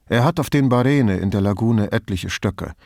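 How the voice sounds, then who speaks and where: A man reading an audiobook plays a reflective middle-aged police commissioner who talks in a measured, thoughtful way. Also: lowish voice, vocal fry, a little mellow, no echo, studio quality.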